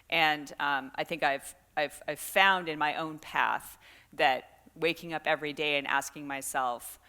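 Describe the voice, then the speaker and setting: A middle-aged woman with a low voice and a bright, clear edge. She answers a forum question earnestly and reflectively, often restarting her sentences mid-thought. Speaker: climate scientist guest speaker.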